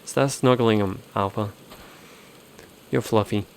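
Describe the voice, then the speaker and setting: Low-voiced man commenting on a game. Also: fairly even intonation, slow, a little hiss or hum. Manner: chatty, reacts with mock sadness and swearing. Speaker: streamer. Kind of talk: casual gameplay commentary.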